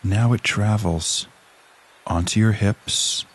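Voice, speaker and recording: A man with a fairly low pitch and a breathy edge narrates a scripted guided relaxation exercise. He keeps a calm, soothing, measured manner and takes long pauses.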